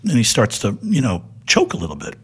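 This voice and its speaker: A man chats as an interview guest, telling a funny anecdote in an animated way and laughing as he goes. His voice is husky and rather breathy. His pitch swings widely. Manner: animated storyteller, laughs often.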